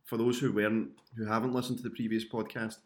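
A man's voice: on the low side, level tone, fast. A man hosting a casual, jokey podcast, recorded on a laptop microphone with a muffled, underwater sound. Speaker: podcast host. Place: indoors at a friend's home.

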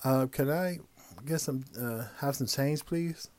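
A man voicing an excited, grateful male panhandler in a retold story, eager and pleading. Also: medium pitch, slow, no echo, pitched above the performer's own voice, lightly acted.

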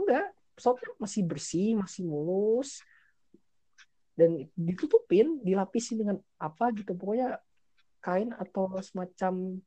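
A man's voice: sits high, mellow, no room sound, low-quality recording. A young man from Indonesia hosting a casual podcast, explaining things informally and dropping in English phrases. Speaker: podcast host. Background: background music.

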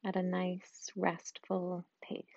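A woman guiding a loving-kindness meditation in a slow, soft and soothing way, with long pauses. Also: lowish voice, completely flat delivery, no echo, muffled recording. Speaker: meditation guide.

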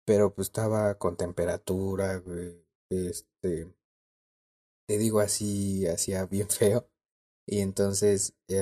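A man's voice: on the low side, warm tone. A young man with a Mexican Spanish accent, co-hosting a podcast and telling a story in slangy casual chat, laughing often. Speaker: podcast co-host.

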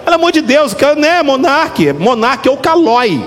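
A middle-aged man, a pastor, preaching a lively, joking sermon straight to his congregation. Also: very high-pitched, normal speed. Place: church hall. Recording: reverberant hall with faint music.

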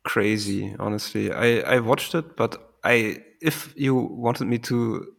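A man's voice: mid-range voice, slow pace, gravelly. A man co-hosting a casual podcast chat, throwing in dry quips. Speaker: podcast co-host.

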